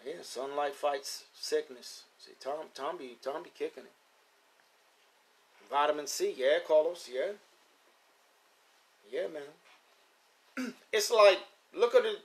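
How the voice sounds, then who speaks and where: A man in his fifties hosts a live stream about his pigeons from home near his pigeon loft, talking in a loose, street-casual way and repeating points for emphasis. His voice is on the high side and slow, with long pauses, and the recording is low quality.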